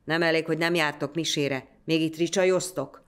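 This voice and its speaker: A woman voicing a stern, proud village priest who scolds gruffly in a storybook tale. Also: sits low, expressive. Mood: scolding.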